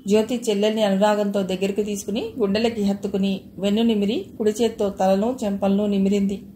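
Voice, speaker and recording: Brief: female audiobook narrator, calm and even, warm mellow voice. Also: medium pitch, fast talker, slight background noise. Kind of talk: scripted audio novel narration.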